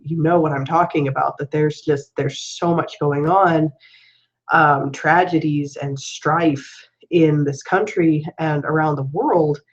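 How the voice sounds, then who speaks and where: Stuffed-up, low-voiced woman with a cold. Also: lo-fi sound. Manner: rambling, with many fillers and restarts. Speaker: spiritual coach hosting a weekly show. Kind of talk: casual spoken vlog. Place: at home. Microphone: webcam.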